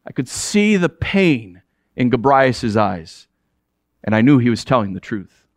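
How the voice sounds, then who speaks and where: A man's voice: high voice, no room sound, studio quality. A man playing a proud ancient king who speaks to his subjects in a commanding way and chuckles between statements. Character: proud middle-aged male Persian king addressing his subjects. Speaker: actor in a biblical character monologue. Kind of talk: theatrical first-person monologue.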